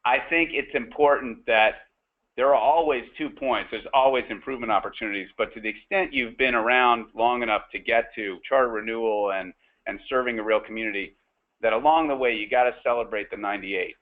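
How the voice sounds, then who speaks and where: A man hosting a webinar panel discussion, speaking haltingly with many fillers and restarts. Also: medium pitch. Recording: tinny phone-line audio.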